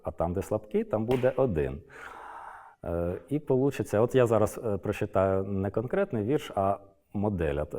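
A man's voice: lowish voice, warm tone. A middle-aged man giving an unscripted lecture, hesitant, with many filler sounds and restarts. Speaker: Arabist lecturer.

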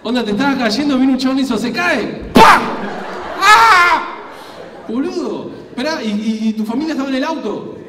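A man with an Argentine Spanish accent doing stand-up crowd work on a comedy club stage, loose and animated, swearing and acting out scenes. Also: extremely high pitch, fast, very noisy. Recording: echoey hall, taped from far off.

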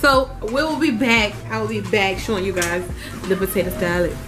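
A woman's voice: medium pitch, steady tone, normal speed. A woman vlogging as she cooks, chatting casually and straight to her viewers. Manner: chatty, talks straight to viewers while cooking. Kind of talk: casual cooking vlog. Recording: loud music behind her voice. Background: music.

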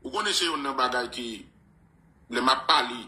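A man's voice: mid-range voice, normal speed, bright, forceful tone, reverberant, rough recording. A man with a Haitian accent in casual radio talk, often stammering on repeated words and dropping in English ones.

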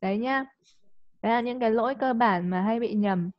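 A woman teaching English in a live online class. She coaxes the student and checks understanding with quick tag questions. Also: on the high side, dry recording. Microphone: video call. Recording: dull lo-fi call audio.

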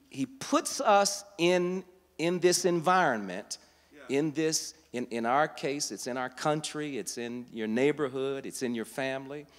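A man preaching a sermon, teaching verse by verse and building to loud, emphatic passages. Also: medium pitch, in a large hall. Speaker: guest preacher. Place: church sanctuary.

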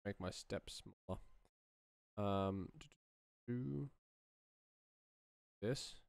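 Sitting at a computer in a small room, a man in his thirties, a sound designer and streamer, thinks aloud in muttered fragments as casual screen-share commentary on his work. His voice is fairly low, creaky and darkish, extremely slow, with no room sound.

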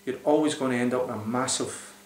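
In a small room, a man in his forties reviews a beer to camera for a casual vlog, rambling enthusiastically and using lots of fillers. His mid-range voice moves at a quick pace. The home recording sounds roomy and echoey, with slight background noise.

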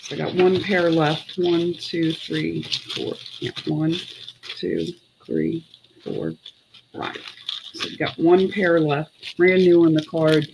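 A woman's voice: low voice, animated, takes it slowly, gravelly, noisy background. A middle-aged woman chatting casually and unhurriedly as she sells items on a live online sale, sometimes muttering counts to herself. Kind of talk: casual live selling chat. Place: indoor room with clothes racks.

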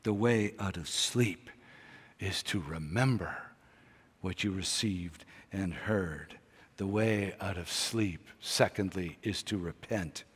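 A man preaching a sermon in a large church, slow and intense, swinging between loud urging and hushed near-whispers. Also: low voice, breathy edge. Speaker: pastor. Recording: long church-hall reverb.

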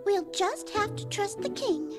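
A woman voicing a dainty, gracious cartoon mouse queen in a video game, speaking gently and formally. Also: very high-pitched, animated, measured pace, music in the background. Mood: gracious, concerned.

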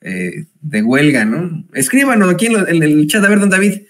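A man's voice: a little high, sing-song, moderate pace. A man with a Mexican accent hosting a commentary show, reading news aloud with sarcastic, chatty asides and frequent hesitations. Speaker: host.

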